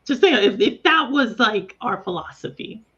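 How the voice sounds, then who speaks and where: A guest in a casual talk who speaks reflectively and haltingly, with many fillers. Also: medium pitch, lively intonation, pushed and bright, husky, lo-fi sound. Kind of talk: casual chat.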